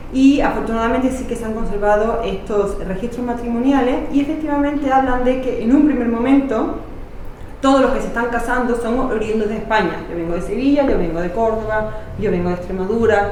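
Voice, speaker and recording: A woman historian explains her research without a script, pausing on fillers and restarting her phrases. She sounds far from the microphone, in a strongly echoing room with a faint hiss of noise behind her. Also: a little high, darkish tone. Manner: hesitant, many fillers and restarts. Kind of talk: spontaneous academic explanation.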